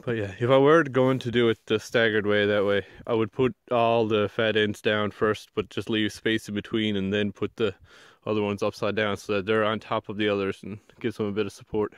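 A young bushcraft vlogger talks casually to the camera in a forest, building a shelter and explaining each step in a relaxed, chatty way. His lowish voice is a little fast with hardly any pauses, and clear and resonant. The sound is clean and studio-like with no echo, picked up by a handheld or mounted action camera.

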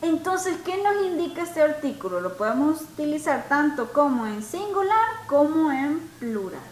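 High-pitched lady teacher going slow, keeps asking if everyone gets it, echoey room. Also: very animated, a little hiss or hum. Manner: patient, checks understanding often; slowly models and repeats words. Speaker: English teacher. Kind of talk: classroom grammar lesson.

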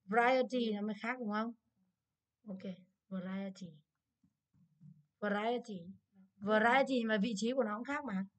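This is a woman English teacher with a Vietnamese accent, running a brisk exam review and firing off plenty of checking questions. Her voice sits a little high and holds a steady tone.

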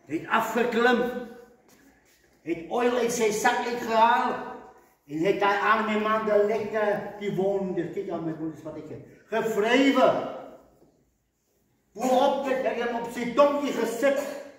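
A man's voice: high voice, measured pace, long pauses, a bit bright. A man preaching a sermon in an emphatic, repetitive way. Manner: emphatic, repetitive preaching with rising and falling stresses. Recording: echoey hall, voice far from mic.

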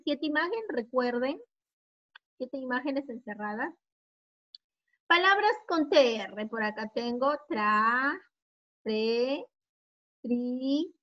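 Slow-spoken high-voiced woman teacher. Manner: slow and clear, drawing out and repeating words. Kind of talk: slow children's phonics lesson. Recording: slightly dull lo-fi recording.

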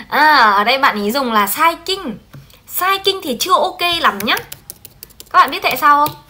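A woman teaching a Japanese translation class on a livestream, lively and coaxing, often checking in with her students. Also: fairly high pitch.

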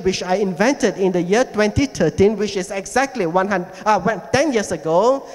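High-voiced man lecturing in a hall. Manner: explanatory, repeats key words slowly. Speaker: heritage forum speaker. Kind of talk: presentation lecture. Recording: long hall reverb.

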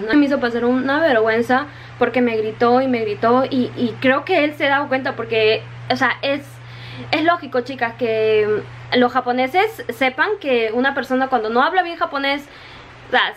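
Chatty high-voiced woman vlogging. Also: a little hiss or hum. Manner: chatty, repeats words, often says "chicas". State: wet from the rain. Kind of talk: casual vlog to the camera. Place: her home in Japan.

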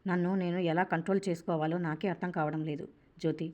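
A woman's voice: on the low side, steady tone, quick pace, darkish tone, natural voice. A woman voicing a tearful, troubled grown son. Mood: distressed. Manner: pleading, troubled speech. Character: grief-stricken grown son, worried and tearful.

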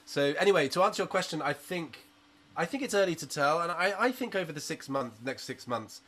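Calling in via laptop webcam from a small room under a sloped roof, a musician from Britain in his thirties gives an earnest, outspoken video-call interview, often saying "you know." His fairly high voice is expressive, a bit bright, and a little fast.

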